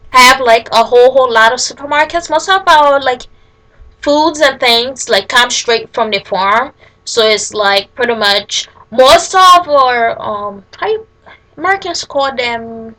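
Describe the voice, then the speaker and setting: A woman from Liberia with a Liberian accent, chatting casually as she answers questions, often halting and correcting herself mid-sentence. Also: on the high side, bright, forceful tone, low-quality recording.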